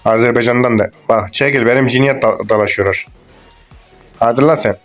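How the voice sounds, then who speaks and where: A man's voice: medium pitch, fairly quick, fairly bright tone, faint music behind. A young man giving casual, crude, joking commentary over a game, rambling and swearing as he plays. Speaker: gaming YouTuber.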